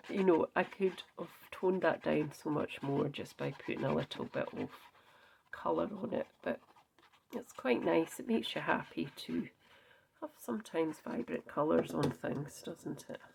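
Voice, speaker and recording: Slow, gravelly-voiced woman crafting. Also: low voice, slight background noise. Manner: chatty, murmurs to herself while working; drops to soft half-whispers while crafting. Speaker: craft video host. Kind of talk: casual craft tutorial.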